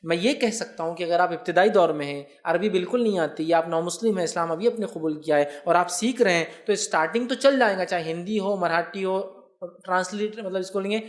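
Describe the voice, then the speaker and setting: Man explaining religious questions. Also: high voice. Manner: explanatory, often checks that listeners follow. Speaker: Islamic scholar answering viewer questions. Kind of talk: religious question-and-answer lecture.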